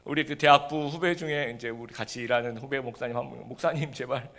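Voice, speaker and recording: A man's voice: medium pitch, quick pace, vocal fry, fairly bright tone. A middle-aged man, a pastor, preaching a sermon in a conversational way, full of fillers and acted quotes. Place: church service.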